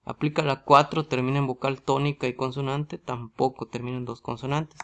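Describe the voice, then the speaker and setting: Gravelly-voiced male grammar teacher. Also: mid-range voice, flat delivery, a little fast. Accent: Mexican Spanish. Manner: asks rhetorical questions, often adds a tag "¿sí?". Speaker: English teacher. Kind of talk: explaining grammar in a video lesson.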